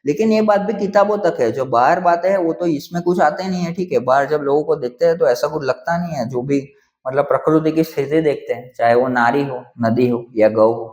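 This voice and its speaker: A man's voice: on the high side, a little fast, a little mellow. Man reading scripture in an echoey room. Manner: conversational, keeps adding "theek hai" between points. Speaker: religious commentator. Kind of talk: reading scripture aloud with casual commentary.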